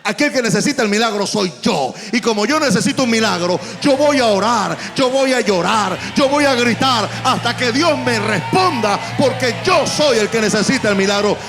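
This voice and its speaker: A preacher putting on a desperate blind beggar. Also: male voice, very high voice, expressive, normal speed, few pauses, voice pushed up. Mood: defiant. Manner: shouts pleas, then whimpers meekly. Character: desperate blind beggar man, loud and pleading. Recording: long church-hall reverb, faint music.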